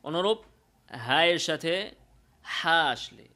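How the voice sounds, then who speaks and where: A Bangladeshi man leads a tajweed pronunciation lesson. His voice sits high and very bright, and his overall pace is slow and unhurried. He draws out each sung example of the recitation, then explains it quickly. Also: expressive. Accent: Bangladeshi Bengali. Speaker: Quran recitation teacher.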